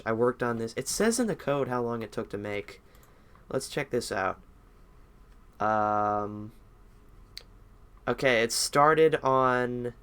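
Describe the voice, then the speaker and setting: A man's voice: mid-range voice, a bit bright, clean tone. A young man streaming a game, chatting casually in a rambling, self-deprecating way.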